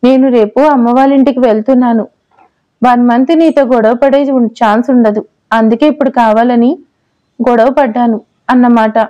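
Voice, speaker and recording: A woman's voice: fairly high pitch, fairly even intonation, fairly quick, dark tone, highs cut off, lightly acted. A woman voicing a playful, teasing young wife in an audio story. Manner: teasing, pouty. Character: playful pregnant young wife, mock-sulky.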